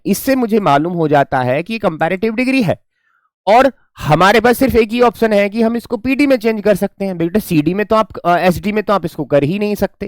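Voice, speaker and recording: A male tutor with a fairly high, very animated voice, rising and falling as he explains a grammar lesson. He talks patiently and fondly to his students as if they were his own children. The sound is close and dry, with no room echo. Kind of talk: classroom-style grammar lesson.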